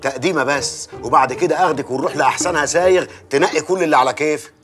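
A man playing a pushy, flirtatious village mayor in a TV drama, speaking with a husky voice. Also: a little high, rapid-fire, a bit bright, soft background music, close to an everyday voice. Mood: coaxing. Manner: coaxing, wheedling, then blustering. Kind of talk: television drama acting.

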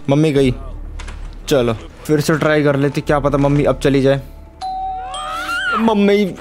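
Young man, playful gaming commentary. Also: fairly high pitch. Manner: playful, pleading with game characters, mixes English words. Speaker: gaming YouTuber. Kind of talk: let's-play commentary.

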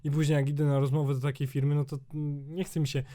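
A young man in his twenties talks in a rambling, sweary vlog rant. His voice sits a bit higher than most men's but has a dark, mellow colour. A sore throat leaves it slightly hoarse. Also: little pitch movement, quick pace. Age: 20s. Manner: rambling, sweary, exasperated, many fillers. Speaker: YouTuber.

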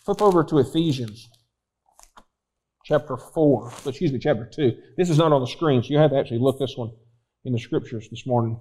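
A man's voice: mid-range voice, brisk, darkish tone, rough recording. A man preaching a sermon as pastor, telling stories and acting out voices in them. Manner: storytelling, acts out voices in anecdotes. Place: church.

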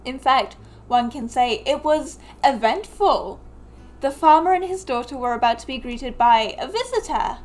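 A woman's voice: high voice, animated, moderate pace, darkish tone. A woman streamer narrating a story in a playful, joking way. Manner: giggly, joking.

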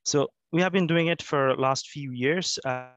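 A man's voice: fairly high pitch, a little slow, a bit bright. A man representing an alumni association, giving a hesitant remote presentation with many fillers and restarts, sleepy from jet lag.

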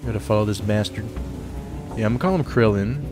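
Music plays behind a young man talking fast in a lowish voice as he streams a game. His let's play commentary is relaxed and meandering, with casual cursing and occasional lines of dialogue read out.

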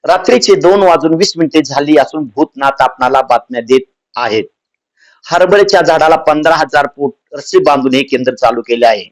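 A man's voice: fairly high pitch, a little fast, lightly acted, poor audio. A man voicing a mock-solemn male ghost newsreader in a comic parody of a radio bulletin.

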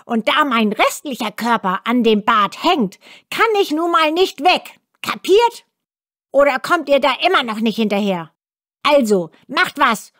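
A woman voicing a rude, impatient ancient male dwarf in a children's storybook reading, yelling and scolding. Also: dry recording, clean studio sound. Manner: shrill yelling, scolding, rushed.

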